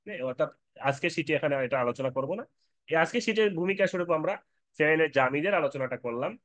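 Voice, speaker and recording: Fast-talking man teaching Arabic grammar. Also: on the high side, animated, fairly bright tone, dry recording. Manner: fast, repeats terms and lists word forms aloud. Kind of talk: explaining a lesson from a sheet.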